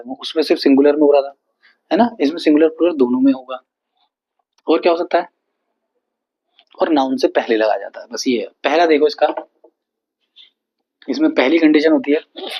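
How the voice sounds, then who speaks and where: A man explains a grammar lesson at an unhurried pace, repeating each example and checking in often. His voice sits at an average pitch. The recording sounds muffled and lo-fi. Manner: slow, repetitive explaining with frequent checks. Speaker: teacher. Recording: dull lo-fi recording.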